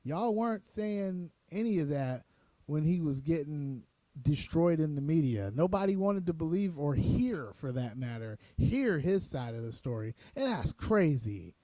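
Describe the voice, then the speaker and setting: A man's voice: a little high, lively intonation, a little slow, warm tone, no room sound. Heated man ranting on a show. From United States. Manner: heated, emphatic, repetitive, profane. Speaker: show host. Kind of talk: opinion commentary rant.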